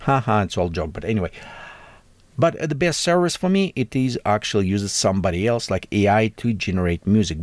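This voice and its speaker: A man hosting a casual software tutorial, speaking halting, non-native English with frequent restarts and self-corrections. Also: on the low side, no room sound. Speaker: tech tutorial host.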